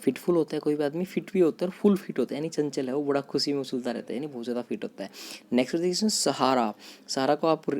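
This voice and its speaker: Man, teacher, vocabulary lesson, spells and repeats each word, talks to students, warm mellow tone. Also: fairly high pitch, fast talker. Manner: spells words letter by letter and repeats them; addresses students directly, with hesitant fillers.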